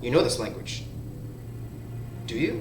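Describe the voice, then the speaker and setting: A man narrating as game master in the second person, slow and halting with restarts. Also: medium pitch, big pitch swings, noisy background. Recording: roomy sound, faint background music.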